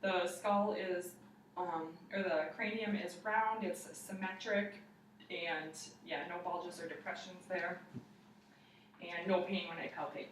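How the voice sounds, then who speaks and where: A young woman, heard from a distance, narrates findings in a spoken clinical exam demonstration, going step by step for a patient and an observer. Her voice is fairly low, fairly even, and measured. It's recorded indoors in a living room on a camera across the room, roomy with faint noise.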